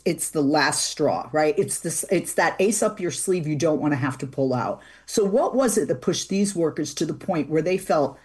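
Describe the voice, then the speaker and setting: A woman's voice: low voice, darkish tone, breathy edge. A woman with a Boston accent hosting a talk show in a chatty, informal, conversational interviewing style. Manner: chatty, informal, directly addresses listeners. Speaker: radio talk show host.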